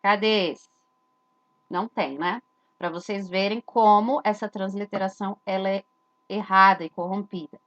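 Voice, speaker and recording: A woman's voice: medium pitch, steady tone, moderate pace, fairly bright tone, dull audio. A woman, giving an explanatory lesson that points at letters and poses rhetorical questions she answers herself. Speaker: religious teacher.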